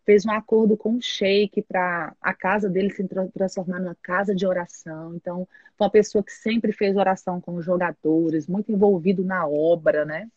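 Husky-voiced woman storyteller. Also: lowish voice, moderate pace, hardly any pauses, no echo. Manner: lively narrator acting out both sides of the dialogue. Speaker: guest telling her testimony. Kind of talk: animated personal storytelling. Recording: slightly dull, muffled recording.

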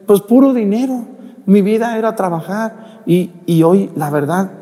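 A man's voice: medium pitch, steady tone, a little slow, gravelly, mellow, big-room sound. A man voicing a tearful, regretful dying older man, pleading in a raised, strained voice. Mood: sorrowful, regretful.

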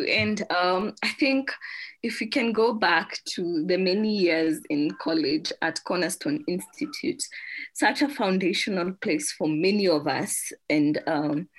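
A woman hosting a faith podcast interview, excited and laughing often. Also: mid-range voice. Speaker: podcast host. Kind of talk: casual conversational interview.

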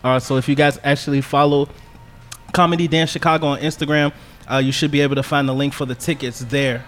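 A man with a slightly high voice co-hosts a podcast. His delivery is casual and loose, broken by filled pauses. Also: steady tone, a bit bright. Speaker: podcast co-host. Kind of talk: casual chat.

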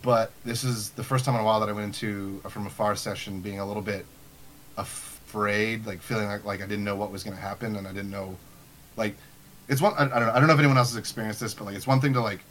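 A man's voice: lowish voice, steady tone, fast talker, fairly bright tone, a little hiss or hum. A young man hosting a podcast as game master, talking casually and rambling with many restarts and fillers. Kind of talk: casual chat.

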